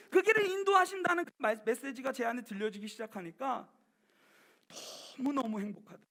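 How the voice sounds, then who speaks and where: Animated man preaching, bright, gravelly. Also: very high-pitched. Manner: animated storytelling, swinging between loud and hushed. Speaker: pastor. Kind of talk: youth sermon. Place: church.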